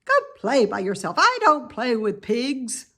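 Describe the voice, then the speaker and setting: A woman's voice: on the high side, big pitch swings, unhurried, pushed and bright, husky, pitched above the performer's own voice, heavily acted. A woman voicing a haughty young lamb from a children's storybook, with a curt, dismissive manner. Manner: snooty, curt. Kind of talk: children's storybook read-aloud.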